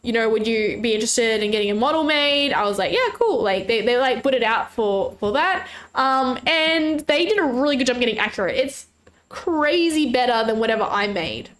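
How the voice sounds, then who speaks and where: On the high side and fairly bright, her expressive voice moves at a moderate pace as she chats through a fishing game stream. The VTuber stays bubbly and talkative, squealing and laughing often, though her throat sounds slightly sore.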